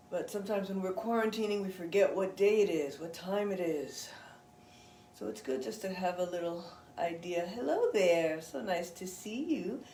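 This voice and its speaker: A woman yoga instructor guiding a gentle stretch session, chatty and encouraging between breathing cues. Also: lowish voice, roomy sound, a little hiss or hum.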